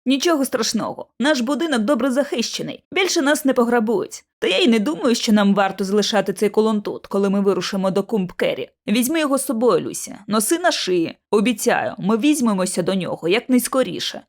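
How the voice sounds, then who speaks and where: A woman voicing a brisk, confident young man who leads a ghost-hunting agency in an audiobook. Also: fairly high pitch, expressive. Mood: reassuring.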